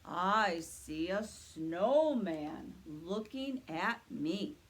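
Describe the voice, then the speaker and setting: A woman voicing a jolly old Santa Claus in a slow, chanting storybook reading. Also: lowish voice, expressive, voice pushed down, heavily acted.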